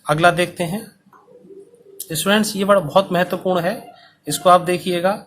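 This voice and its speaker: A male teacher explaining a Sanskrit lesson to school students, speaking slowly and deliberately so they can write along. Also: sits high, steady tone, a bit bright, a little hiss or hum. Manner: slow, dictation-paced explanation. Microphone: recorded for online video.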